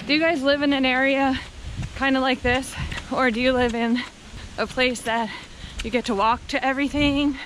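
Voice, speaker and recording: An American woman with a fairly high voice talks to her camera while running along a country road. She is casual, wry and sarcastic, swearing freely. The handheld outdoor audio has clear wind noise. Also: steady tone, moderate pace. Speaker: vlogger. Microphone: handheld camera at arm's length. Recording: windy, noisy outdoor action-camera audio.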